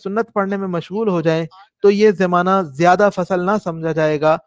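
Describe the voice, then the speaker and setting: A man's voice: high voice, fairly even intonation, dry recording. A man teaching a classroom lesson on prayer rules, explaining step by step and demonstrating recitation, with a Pakistani Urdu accent. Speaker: religious teacher.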